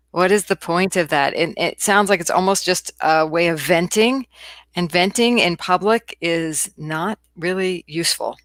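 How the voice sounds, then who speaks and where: A woman's voice: lowish voice, fairly bright tone, no echo. A woman hosting a casual podcast, asking friendly, reflective questions. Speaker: podcast host.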